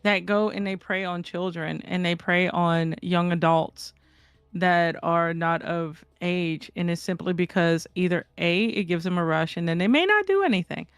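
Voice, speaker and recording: A woman's voice: fairly low pitch, normal speed, clear, resonant tone, no room sound, faint music behind. A woman in casual conversation, speaking bluntly and swearing freely as she tells stories. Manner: candid, blunt, swears freely, animated storyteller. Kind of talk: casual chat.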